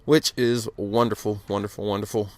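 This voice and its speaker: Late-20s man, gaming commentator: low flat voice, loose and profane, a bit stuttery from the cold, faint outdoor hum behind. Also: moderate pace. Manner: rambling, swears freely, many fillers. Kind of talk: casual gameplay commentary. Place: outdoors outside his house.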